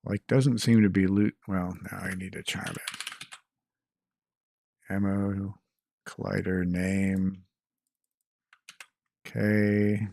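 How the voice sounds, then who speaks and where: A man's voice: little pitch movement, a little mellow. A tired man developing a game mod, thinking aloud as he reads code and tests it. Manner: mutters code to himself, tired, slow and low-key. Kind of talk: thinking aloud while coding and playing. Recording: clear background noise with keyboard typing.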